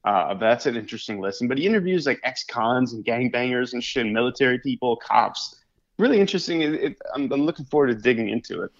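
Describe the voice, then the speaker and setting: A man's voice: mid-range voice, expressive, quick pace. A man co-hosting a podcast in casual chat, laid-back, laughing often and saying "dude" and "man" a lot. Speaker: podcast co-host. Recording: dull lo-fi sound.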